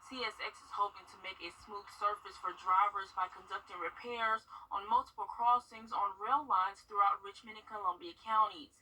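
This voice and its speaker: A woman narrates a scripted news report as a reporter. Her voice is bright and husky, recorded a little away from the mic. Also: mid-range voice, fairly even intonation, moderate pace, few pauses, distant mic, poor audio.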